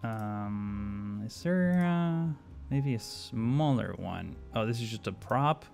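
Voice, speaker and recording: Slow, expressive and creaky, this lowish male voice has a darkish tone, with faint music in the background. It belongs to a man from Argentina commenting live on a city-building game, thinking out loud with plenty of fillers and replying to chat.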